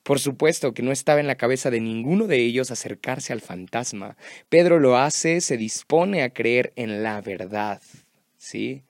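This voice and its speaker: A man's voice: medium pitch, moderate pace, dry recording, studio quality. A man giving a devotional sermon in a conversational way, often asking the listener questions. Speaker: youth preacher.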